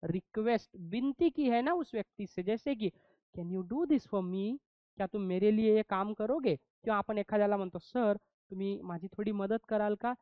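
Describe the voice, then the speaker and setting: Higher-voiced male teacher. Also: moderate pace, dry recording. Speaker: English teacher. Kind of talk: classroom grammar lesson. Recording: dull, muffled lo-fi sound.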